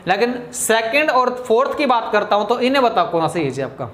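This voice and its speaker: A man's voice: extremely high pitch, big pitch swings, fairly bright tone. Hindi-accented man, classroom grammar teacher, quizzes then answers himself, drags key words, roomy echo. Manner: asks students questions and answers them himself; drawls key words slowly. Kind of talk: classroom lecture. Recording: echoey room.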